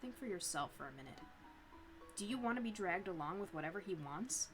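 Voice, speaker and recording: A woman's voice: fairly low pitch, animated, fairly quick, music in the background. A woman reading a firm, encouraging young heroine. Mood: urging. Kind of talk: reading a visual novel aloud.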